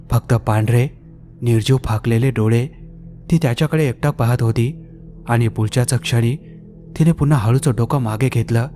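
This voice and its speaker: A man telling a scripted horror story in a steady, measured way. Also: medium pitch.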